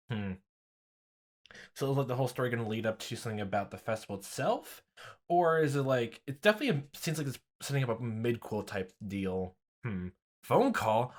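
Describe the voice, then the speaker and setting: A man reading a visual novel aloud and breaking off into casual, laughing asides. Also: medium pitch. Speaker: let's play reader.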